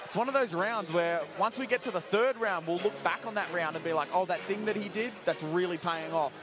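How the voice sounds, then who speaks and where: High-voiced man commentating a fight. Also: brisk. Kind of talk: live MMA play-by-play and analysis. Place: commentary position at live fight event. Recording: loud crowd behind the commentary.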